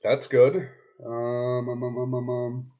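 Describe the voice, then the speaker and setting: This hoarse man, a web marketing consultant, gives his client a casual screen-recorded walkthrough in a medium-pitched voice that's slow and completely flat. The sound is lo-fi, and he chats loosely, thinking aloud with many ums and restarts.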